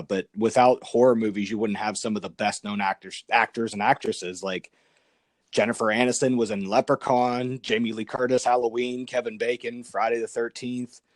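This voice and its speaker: A man's voice: on the low side, dry recording, clean studio sound. A man guesting on a podcast, chatting casually, sharing movie trivia and laughing often.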